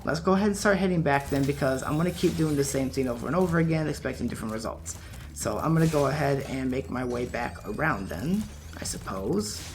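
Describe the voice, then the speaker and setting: Easygoing man narrating his gameplay. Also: fairly high pitch. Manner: relaxed, chatty, laughs at his own mistakes. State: voice wearing out. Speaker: let's play gamer. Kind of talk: casual gameplay commentary.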